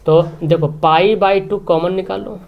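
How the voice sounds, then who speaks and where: Male maths tutor, slightly high voice, explaining at the board with constant tag questions. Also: fairly even intonation, unhurried, creaky, phone-quality sound. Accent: Hindi regional, Bihar. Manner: talking while writing, frequent tag questions. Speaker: maths teacher.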